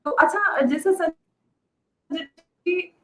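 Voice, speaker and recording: A woman's voice: very high-pitched, extremely slow, a bit bright. A woman interviewing a guest over an online call, her audio breaking up and dropping out.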